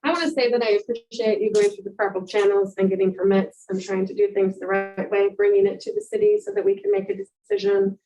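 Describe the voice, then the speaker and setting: A woman's voice: medium pitch, expressive, quick pace, few pauses, dark tone, faint music behind. A woman on a city council, speaking earnestly in appreciative remarks. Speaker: council member. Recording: distant from the mic.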